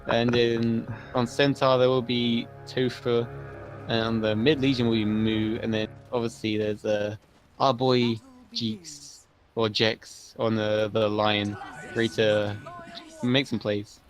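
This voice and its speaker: A man's voice: mid-range voice, fairly even intonation, takes it slowly, soft background music, low-quality recording. A man giving live analysis of a video game match in a chatty, analytical way. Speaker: esports caster.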